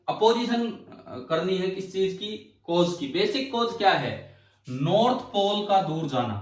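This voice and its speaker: A male physics teacher lecturing a class, explaining step by step and firing questions at his students. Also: high-pitched. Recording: echoey room, from far off.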